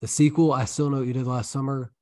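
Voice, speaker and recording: Relaxed man ranting about a film. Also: medium pitch, fast talker. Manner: animated, joking, exasperated rants about characters. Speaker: podcast co-host. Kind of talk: casual movie review chat.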